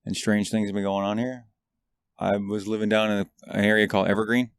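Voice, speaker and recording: Man from Montana, low smooth voice, halting speech, outdoors. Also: flat delivery, dry recording. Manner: halting, many likes and restarts. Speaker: guest, army veteran. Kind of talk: casual storytelling. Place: outdoors in a parking lot.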